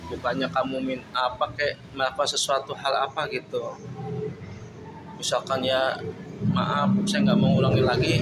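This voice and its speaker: A man's voice: medium pitch, very noisy. A man telling his side of a marriage dispute in an aggrieved, repetitive monologue. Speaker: husband telling his story. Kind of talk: emotional monologue.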